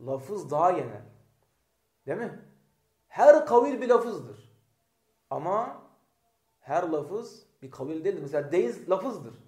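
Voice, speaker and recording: Man, grammar teacher with a high voice, class lesson, echoey room, keeps quizzing the class. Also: a little mellow. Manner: asks students rhetorical questions; reads Arabic text aloud, then explains.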